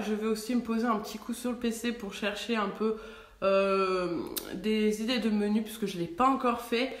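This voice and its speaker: Recording herself on her phone in the home kitchen, a young mother from France chats casually for her family vlog, full of fillers and restarts. Her voice is medium in pitch and fairly bright, with a roomy sound.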